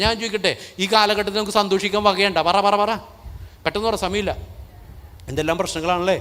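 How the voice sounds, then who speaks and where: Fervent priest preaching in a reverberant church. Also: male voice, high-pitched, a bit bright. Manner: fervent preaching with frequent questions to the congregation. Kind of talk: sermon.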